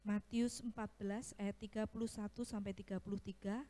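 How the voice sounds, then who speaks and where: A woman reading scripture aloud in a steady, measured way during a church service. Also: mid-range voice. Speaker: scripture reader. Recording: long reverb of a church hall.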